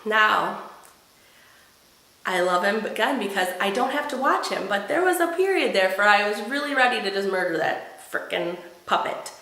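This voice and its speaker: A woman's voice: mid-range voice, expressive, normal speed, pushed and bright, roomy sound, low-quality recording. A woman with a cold talking to camera about motherhood in a chatty, wry, self-mocking way. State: has a cold. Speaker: mom vlogger. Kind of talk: casual chat to camera.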